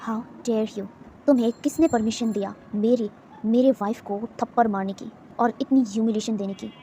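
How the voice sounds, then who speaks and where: A woman voicing a powerful man who quietly threatens anyone who harms his partner, in a storybook reading. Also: fairly high pitch, steady tone, fairly quick, a little hiss or hum, natural voice. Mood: cold. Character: protective powerful man, coldly menacing.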